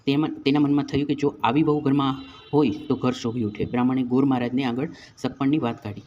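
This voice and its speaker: Man calmly narrating a devotional tale. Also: mid-range voice, quick pace, dull audio, slight background noise. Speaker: storyteller.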